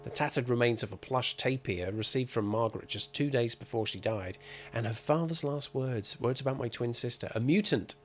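A man's voice: mid-range voice, normal speed, a bit bright, slight background noise. A man streaming a game, chatting casually and reading in-game texts aloud in a playful, hammy dramatic way.

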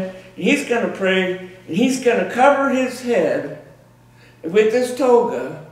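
Slow, deliberate middle-aged male preacher. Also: sits high. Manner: slow, emphatic preaching with repetitions and restarts. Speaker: pastor. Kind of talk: sermon. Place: small church sanctuary. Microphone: far room camera. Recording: echoey church room from far off.

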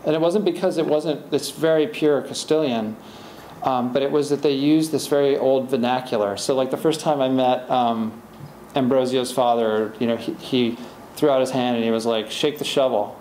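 Answering questions at a library talk, this middle-aged author rambles and restarts often, his mid-range voice steady and darkish at a moderate pace. Sound comes from a podium mic and a far-off camera, with echo from the room and faint hiss.

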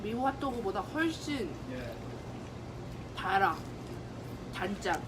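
억양이 생생한 젊은 여성, 잡음 있는 녹음. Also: female voice, medium pitch, lively intonation, slow. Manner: reactive, short enthusiastic remarks. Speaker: mukbang guest. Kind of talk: casual chat while eating. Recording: clearly noisy background.

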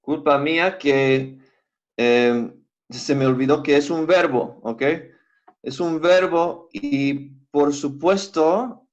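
A man teaching a live Hebrew class online, walking students through software on a shared screen and thinking aloud as he goes. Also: on the high side, faint music behind. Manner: unhurried, thinks aloud with fillers. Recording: slightly dull lo-fi audio.

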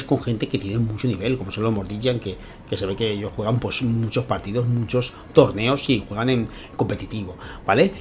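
A man with a Spain Spanish accent, hosting his channel and commentating a tournament match, excitable and constantly checking in with his viewers. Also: mid-range voice, slight background noise. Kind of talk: gameplay commentary.

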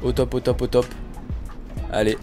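A man giving casual, joking commentary while playing a bus driving game, with his voice jumping up in pitch when excited. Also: moderate pace, soft background music. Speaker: gaming video creator.

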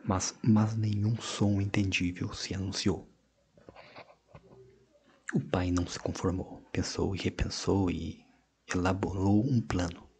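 Deep-voiced male audiobook narrator. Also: steady tone, takes it slowly, long pauses, darkish tone. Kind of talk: scripted narration.

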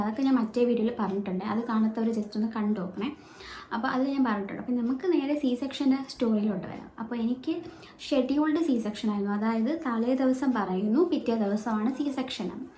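Telling a personal story in a casual home vlog with her baby nearby, a woman with a Malayali accent talks fast in a slightly high, dark voice. She's chatty, full of fillers and restarts; the phone or camera mic picks up room echo and faint background noise.

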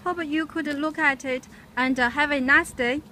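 A high, bright-toned woman leads a slow, unhurried tour through large factory workshops. She speaks in simple, halting phrases with pauses, and faint background noise sits behind her voice. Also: steady tone, poor audio. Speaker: sales representative giving a factory tour. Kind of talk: casual guided tour narration.

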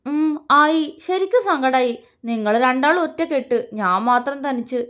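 A jealous young husband sulks and pleads in a petulant, whiny voice, read by a woman storyteller. He sounds high and light for a man, as if wounded. The story is read aloud as an audio tale. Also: lively intonation, normal speed, fairly bright tone. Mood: sulking. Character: sulky, pouting young husband, jealous of the baby.

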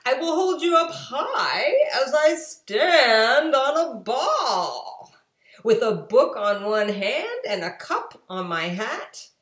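A woman's voice: sits high, sing-song, slow pace, fairly bright tone, voice pushed up, exaggerated voice. A woman voicing a playful, boastful storybook cat in an exuberant, sing-song showy delivery. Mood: excited boasting. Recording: echoey home room.

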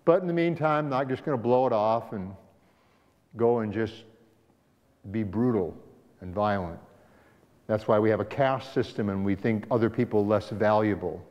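A male pastor leads a Sabbath school class in a church sanctuary, talking conversationally and putting questions to the class. His lowish, darkish voice moves at a moderate pace with long pauses. The recording is dull and echoey, typical of a church hall.

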